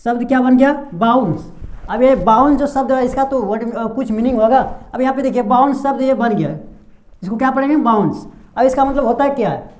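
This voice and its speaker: A man's voice: very high voice, a little fast, darkish tone. A young man teaching English pronunciation in Hindi at a board, often asking a question and then answering it himself. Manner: asks questions and answers them himself, repeats key sounds.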